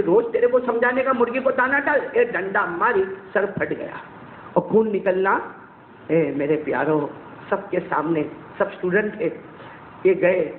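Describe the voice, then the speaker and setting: High-pitched preacher in an echoey hall. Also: male voice, slight background noise. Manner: animated storytelling, acting out voices and calling on the crowd to answer. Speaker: Islamic preacher. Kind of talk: sermon to a congregation. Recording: echoey hall over a tinny phone-like line.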